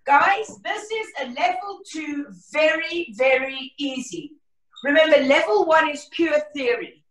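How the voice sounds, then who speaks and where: A woman maths teacher giving an online lesson on a video call, her voice a bit hoarse and croaky, chatty and encouraging with her class. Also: high voice, fairly bright tone. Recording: roomy, distant from the mic.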